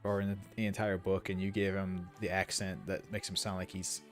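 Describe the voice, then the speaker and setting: Guy streaming a game, kinda low voice, rambles and gives opinions, soft game music under it. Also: flat delivery, a little fast. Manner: rambling, opinionated, wandering asides. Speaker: gaming streamer. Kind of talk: casual gameplay commentary.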